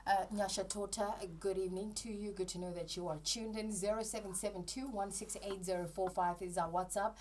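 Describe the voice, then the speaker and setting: A woman's voice: medium pitch, steady tone, a little fast, few pauses, a little mellow, slight background noise. A woman hosting a radio talk show, playful and teasing as she pushes her guest for answers. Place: radio studio.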